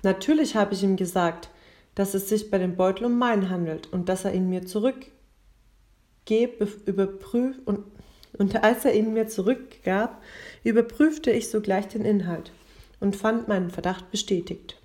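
A woman voicing an angry, wealthy man who shouts and blusters in a storybook reading. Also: mid-range voice, moderate pace, natural voice. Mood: accusing.

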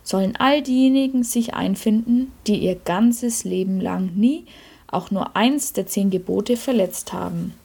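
A fussy old saint who guards heaven's gate, put on by a woman reading a storybook. He announces orders briskly in a raised voice that stays dark and slightly husky. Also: mid-range voice. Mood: announcing.

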